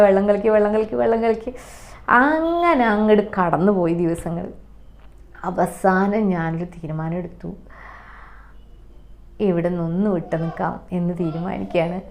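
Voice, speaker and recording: Earnest young woman telling her story. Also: mid-range voice. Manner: earnest, emotional, lively, with many restarts and repetitions. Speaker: mother sharing her experience. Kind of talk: personal testimony, casual monologue.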